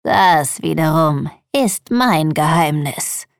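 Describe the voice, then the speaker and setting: Woman doing a squeaky storybook villain. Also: animated, dry recording, clean studio sound, full character voice. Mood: menacing. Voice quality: squeaky like a rusty hinge. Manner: slow, smooth, threatening. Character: menacing male customer, squeaky villain. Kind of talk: storybook reading.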